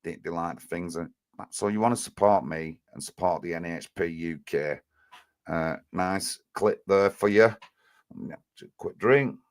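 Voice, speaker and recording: A man with a broad Oldham accent, talking low-pitched and blunt as he hosts a live stream. He rambles and circles back in casual chat, with an indignant, not-having-it edge. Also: measured pace. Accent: Oldham, Northern English. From Oldham, England.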